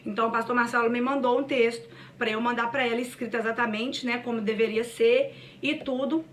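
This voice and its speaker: A woman's voice: on the high side, fairly even intonation, fairly quick, distant mic, slight background noise. A woman telling a personal faith testimony to a church group in an earnest, storytelling way. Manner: earnest, storytelling, addresses listeners as "gente". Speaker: church cell group speaker.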